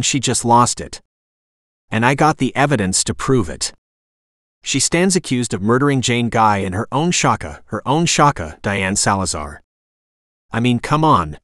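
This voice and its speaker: A cocky young guy, as the narrator plays him, all slang and swagger, grandstanding like he owns the room. his pitch bounces around a lot and the sound is dry and close. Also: a bit bright, no room sound. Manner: casual slang, showy, whiny at times. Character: brash young man, cocky slangy prosecutor.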